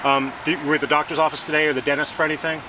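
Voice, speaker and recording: A police officer talks to a driver at a roadside, recorded on a body-worn camera, with clear traffic noise behind him. His voice sits a little high for a man. He stays calm and procedural, and keeps checking in with "okay". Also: rapid-fire. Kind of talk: bodycam questioning at a crash scene. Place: outdoors by a car at a roadside. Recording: noisy bodycam audio with traffic.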